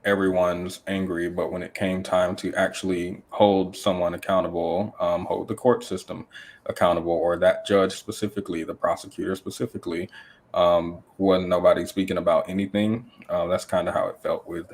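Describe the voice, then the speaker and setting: A man from the United States co-hosting a podcast, speaking deadpan in casual chat with many hesitant ums. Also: sits low, moderate pace. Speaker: podcast co-host. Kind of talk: casual chat reading super chats.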